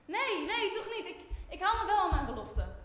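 A woman's voice: high voice, moderate pace, natural voice. A teenage girl in a school play voicing a torn young Trojan woman who pleads and wavers. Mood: wavering. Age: late teens. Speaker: student actor. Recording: very echoey hall from far off.

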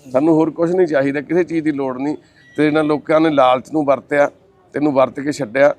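A man with a somewhat high voice talks in a reassuring, caring way, calling people son and sister. He moves between consoling a family and appealing to an audience watching the video. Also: fairly even intonation. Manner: warm, reassuring, calls others son and sister; recites prayer in a slow chanting voice. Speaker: social worker hosting the channel. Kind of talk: comforting talk and appeal to viewers.

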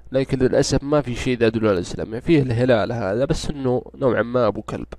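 A man's voice: medium pitch, darkish tone, dry recording. A man with a Saudi accent and a stuffy nose from a cold, rambling and grumbling through casual gameplay commentary as a gaming YouTuber. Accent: Saudi Gulf Arabic. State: congested, stuffy-nosed from a cold.

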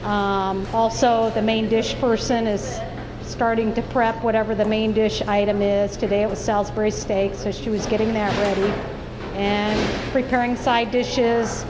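A woman's voice: mid-range voice, little pitch movement, normal speed, noisy background. A woman school cafeteria worker, explaining her routine in a practical, matter-of-fact way. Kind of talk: interview answers.

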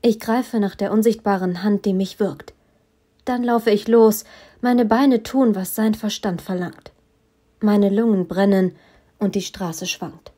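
A woman narrating a first-person audiobook in a steady, measured storytelling manner. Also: medium pitch. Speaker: audiobook reader.

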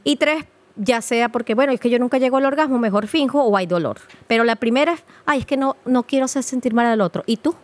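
A woman, a sexologist guest on a podcast, giving frank, playful advice in an animated, teasing way. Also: on the high side, quick pace. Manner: animated, teasing, says "mi amor".

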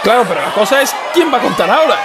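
High-voiced male wrestling commentator, shouting. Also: very animated, rapid-fire. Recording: noisy venue with loud crowd. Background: loud wrestling crowd.

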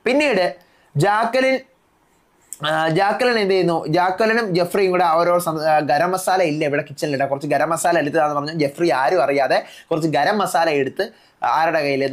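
A man reviewing a reality show episode in a casual recap, retelling each contestant's lines in quick succession. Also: fairly high pitch.

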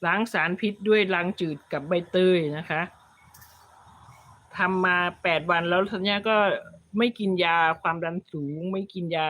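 A woman hosts a livestream, rambling through chatty stories and reading viewer comments aloud. Her voice is fairly low and fairly bright, at a moderate pace.

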